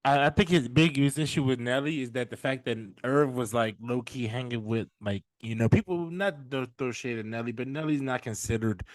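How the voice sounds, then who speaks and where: A man's voice: mid-range voice, a little fast, few pauses, no room sound. A young man co-hosting a casual podcast, talking emphatically with lots of filler and cutting in to argue. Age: young adult. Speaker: podcast co-host. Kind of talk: casual chat.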